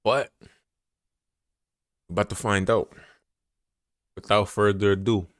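Laid-back young man hyping a stream, low voice. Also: fairly even intonation, slow pace, a bit bright, dry recording, studio quality. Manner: laid-back slangy hype talk, repeats phrases. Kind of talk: casual live gameplay commentary.

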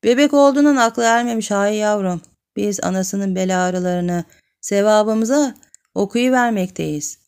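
A woman's voice: mid-range voice, unhurried, darkish tone, clean tone, voice pushed up, natural voice. A woman voicing a sly, lecherous middle-aged village man who coaxes and then threatens. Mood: scheming.

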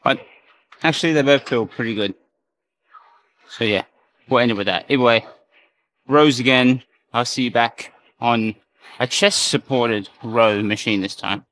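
A man narrates his own workout, talking slowly and easily between sets. His voice sits at an ordinary middle pitch, and breathy sighs mark the pauses as he moves from one exercise to the next in an indoor gym. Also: steady tone, a bit bright. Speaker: fitness vlogger.

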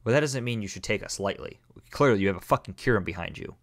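A man voicing a calm, condescending adult cultist villain in a game let's play, explaining things in a measured way. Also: fairly low pitch, dry recording, clean studio sound. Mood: smug.

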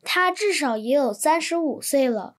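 A woman reading translated textbook sentences in an even, clear manner. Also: high voice, normal speed. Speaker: Chinese translation reader.

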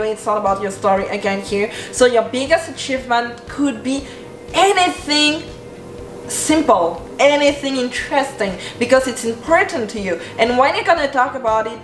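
A young woman who is a style coach and YouTuber talks to the camera in an earnest, encouraging tone, with a slightly high voice. French is her first language. She records a motivational vlog indoors in a bedroom with a clothes rack and shelves, and with the camera at medium distance the room sounds spacious and echoey.

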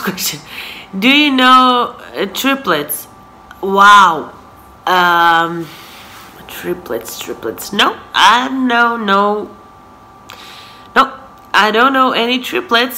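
Medium in pitch and sharp in tone, her voice carries slight background noise. The Israeli vlogger in her twenties, a first-language Hebrew speaker, keeps her living room Q&A casual from the sofa, laughing frequently and saying "so yeah," recorded by a nearby camera in front.

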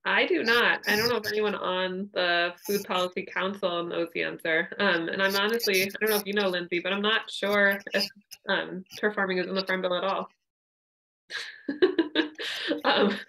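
A young woman on a video call explaining farm policy, talking in a halting way with many fillers and restarts. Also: mid-range voice, fairly even intonation, vocal fry, sharp tone, rough recording. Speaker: regional policy staff. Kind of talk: panel discussion. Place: home room.

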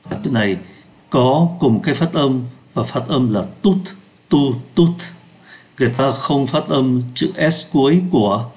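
Man slowly teaching French pronunciation. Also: mid-range voice, darkish tone, slight background noise. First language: Vietnamese. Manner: slows down to pronounce French words. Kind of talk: lesson explaining pronunciation.

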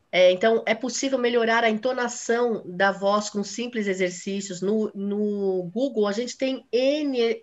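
A woman, giving a sales talk and chatting with her audience. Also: mid-range voice. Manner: chatty, addresses audience as gente, frequent né. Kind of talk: live online talk. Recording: dull lo-fi audio.

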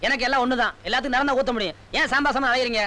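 A man's voice: very high voice, steady tone, sharp tone, heavily acted. An actor playing a cheeky male food server who answers back sharply at a wedding feast in a film comedy. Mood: retorting. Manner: curt, retorting, rapid. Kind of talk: Tamil film comedy dialogue.

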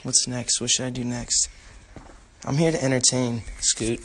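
A young man live-streaming pranks from a hotel hallway on his phone, often dropping to a hushed, sneaky whisper. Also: medium pitch, steady tone, unhurried, slight background noise. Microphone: phone held in hand.

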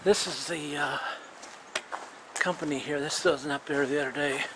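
Walking around an outdoor construction site, a middle-aged vlogger documents his house build through the mic of his handheld camera. He has a fairly high voice with fairly even intonation, talks plainly and rambles, and fills frequent pauses with fillers over a noisy background.

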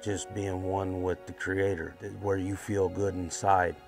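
A man's voice: sits low, little pitch movement, unhurried, darkish tone, soft background music. A man patient speaking sincerely and gratefully about counseling in a documentary interview. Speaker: clinic patient.

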